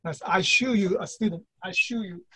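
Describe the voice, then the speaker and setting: High, husky Hong Kong male teacher. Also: normal speed, pushed and bright, dry recording, poor audio. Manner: repeats words and short phrases, encouraging. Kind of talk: online class, giving feedback to students. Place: small book-lined office indoors. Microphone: video call computer microphone.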